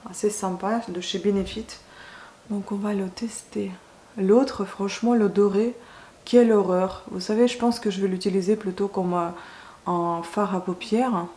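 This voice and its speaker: A woman's voice: mid-range voice, dark tone. A woman in chatting casually as she does her makeup, often hesitating and correcting herself. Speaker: beauty vlogger. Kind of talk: casual makeup chat to camera. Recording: roomy echo, faint background noise.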